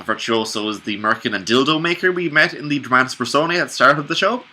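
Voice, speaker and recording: A man's voice: medium pitch, animated, fast talker, bright, forceful tone. A man doing a stumbling cold read of a play, breaking off for casual, wry, foul-mouthed asides. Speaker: solo reader and commentator.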